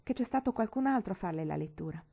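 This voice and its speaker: A woman voicing a calm, kindly young male curate who speaks placidly and half in jest, in an audiobook reading. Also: medium pitch, fast, vocal fry, breathy edge.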